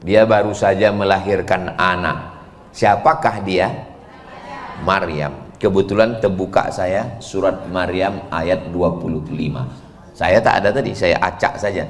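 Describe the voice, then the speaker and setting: A male preacher delivers a playful sermon, tossing questions to his listeners and chanting verses between jokes. He speaks slowly and deliberately. His voice rings through a large echoing hall. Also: low voice. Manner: lively, joking, asks the crowd questions and chants verses. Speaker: Islamic preacher. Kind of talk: humorous sermon to a women's audience. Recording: echoey hall sound.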